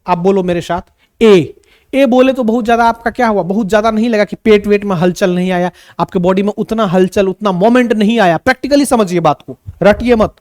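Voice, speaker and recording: Animated high-voiced male teacher. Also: dry recording, studio quality. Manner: animated, repeats points and asks rhetorical questions. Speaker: English teacher. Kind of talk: classroom-style video lesson.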